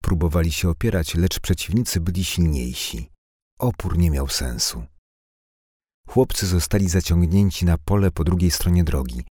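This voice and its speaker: A man reading a novel aloud as narrator, in steady, even storytelling. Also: deep voice, moderate pace, slightly rough, no echo, studio quality. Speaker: audiobook narrator. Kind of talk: scripted narration.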